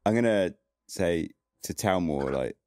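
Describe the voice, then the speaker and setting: A man's voice: low voice, expressive, a little slow, a little mellow, dry recording, clean studio sound. A man playing a tabletop role-playing game, playful, slipping in and out of his character's voice. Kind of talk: casual tabletop role-play.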